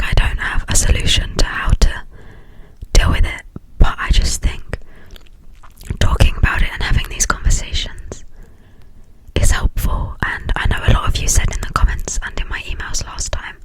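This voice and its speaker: A young adult from the United Kingdom speaks in a hushed, breathy whisper, rambling informally and hesitantly in an ASMR style. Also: moderate pace, rough recording. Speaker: ASMR video creator.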